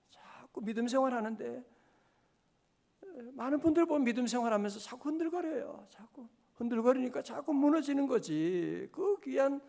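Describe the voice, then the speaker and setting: A man's voice: very high-pitched, vocal fry, darkish tone. A male pastor preaching a dawn prayer sermon in a church, fervent and rising to emphatic exhortations. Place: church sanctuary.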